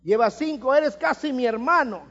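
A man's voice: very high voice, moderate pace, fairly bright tone. A man preaching a sermon with emphatic rhetorical questions and touches of humor. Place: church hall. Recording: reverberant hall, dull lo-fi sound.

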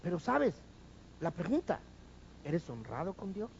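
A man's voice: high-pitched, big pitch swings, a little slow, creaky, darkish tone, muffled recording, a little hiss or hum. A man preaching a sermon, firing rhetorical questions at the congregation and having them repeat after him.

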